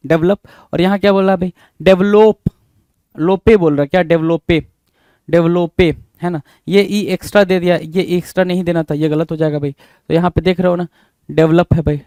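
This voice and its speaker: A man's voice: fairly high pitch, a little mellow, no room sound. A young man, teaching a spelling lesson and spelling words out letter by letter. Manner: repetitive, drawn-out and emphatic, often calls listeners bhai.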